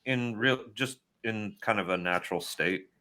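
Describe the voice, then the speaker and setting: A man's voice: fairly low pitch, normal speed. A man running a tabletop role-playing game as game master, narrating with many fillers. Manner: relaxed, filler-heavy narration.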